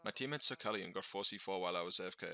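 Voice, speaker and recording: Rapid-talking man calling out fights. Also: low-pitched. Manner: rapid excited callouts. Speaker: streamer and narrator. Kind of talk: gaming voice chat and voice-over narration.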